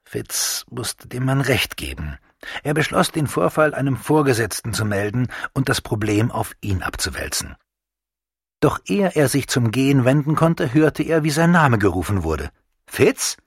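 A man narrating a novel as an audiobook in a measured, expressive reading. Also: medium pitch, slightly rough, no room sound, studio quality.

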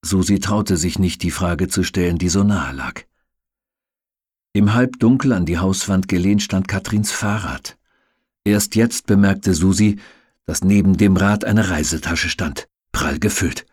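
Husky, low-pitched male audiobook reader, dry booth sound, measured. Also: darkish tone, no room sound. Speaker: audiobook narrator. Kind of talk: audiobook reading.

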